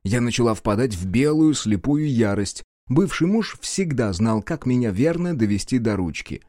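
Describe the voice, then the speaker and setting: A man reading scripted audiobook narration with lively, expressive pitch movement. His tone is dark and mellow. The reading is close-miked and dry, with no room behind it. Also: normal speed, dry recording.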